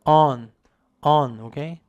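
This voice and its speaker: Guy teacher, 30s, kinda high voice, energetic lecture, keeps making you repeat stuff. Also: drawn-out words, clear, resonant tone, lo-fi sound. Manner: energetic, drills phrases and prompts repetition; varies pitch and loudness a lot for emphasis. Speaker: English teacher. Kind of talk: online test-prep lecture.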